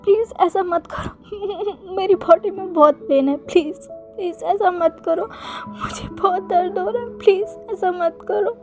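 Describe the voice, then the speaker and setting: Woman voicing a young man, crying, begging, high-pitched, soft music underneath. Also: brisk. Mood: sobbing. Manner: pleading, sobbing. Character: young man, desperate and tearful.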